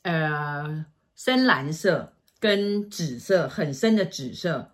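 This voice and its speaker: A middle-aged woman, telling a story in casual chat and acting out quoted lines in a hushed voice. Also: low voice, lively intonation, slow pace. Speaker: feng shui consultant telling stories.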